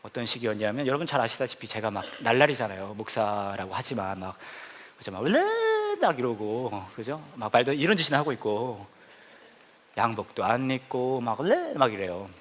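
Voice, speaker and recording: A man preaching a humorous sermon as a pastor, telling stories playfully with sudden loud exclamations, in a church hall. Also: medium pitch, brisk, a little hiss or hum. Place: church hall with a laughing congregation.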